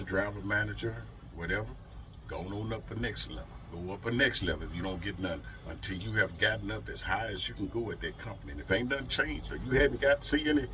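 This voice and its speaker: With a fairly low voice and background noise behind him, a man speaks casually in a motivational trucker vlog. His advice comes across emphatic and folksy, punctuated by rhetorical questions he keeps repeating.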